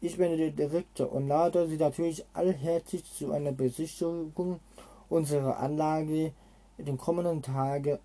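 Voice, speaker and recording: A man reading a storybook aloud and voicing a jovial adult male oil company director, reading haltingly with slips and self-corrections. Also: a little high, fairly even intonation, warm tone, lightly acted.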